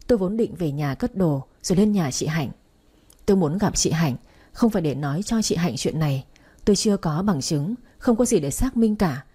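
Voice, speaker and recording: A woman narrating a dramatic family story in first person, steady and soft-spoken. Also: fairly low pitch, normal speed, husky.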